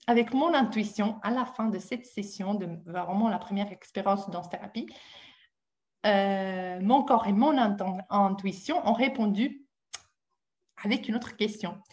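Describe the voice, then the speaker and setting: A woman's voice: mid-range voice, unhurried, highs cut off. Woman with an Italian accent, hosting a webinar. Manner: warm, engaging, asks the audience questions, many hesitations. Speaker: dance-movement therapist leading a webinar. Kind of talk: live webinar talk.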